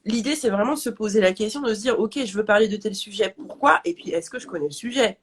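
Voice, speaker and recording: Husky yet nasal, a woman's mid-range voice moves fast and animated as she, a business coach, casually discusses confidence and speaking up during a live stream.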